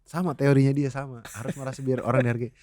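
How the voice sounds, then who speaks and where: A young man, chatting as a podcast guest, an animated storyteller who laughs often and mixes in English phrases. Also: medium pitch, fast talker, dry recording, studio quality. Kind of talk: casual chat.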